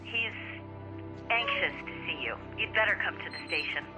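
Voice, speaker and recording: An actress playing a businesslike small-town sheriff in a video game, heard through a telephone filter. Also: female voice, fairly low pitch, lively intonation, normal speed, music in the background, rough recording. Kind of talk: video game character dialogue.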